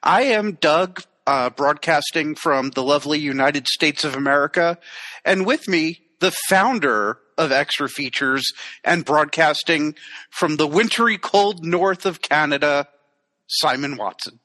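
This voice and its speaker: A man's voice: on the high side, measured pace, pushed and bright. A man hosting a podcast, easygoing, laughing along in casual chat. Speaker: podcast host.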